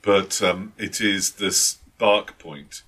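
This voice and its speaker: A man's voice: lowish voice, steady tone, extremely slow, a bit bright. A man, a tabletop game master, chatting casually and hesitantly with many restarts and fillers. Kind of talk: casual chat.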